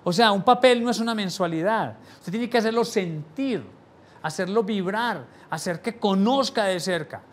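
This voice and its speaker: A man teaching a live sales seminar. He asks the audience rhetorical questions and drops his voice low to stress key points. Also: normal speed. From Latin America. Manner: animated, shifts volume for emphasis, drops voice low on key points. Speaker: sales trainer.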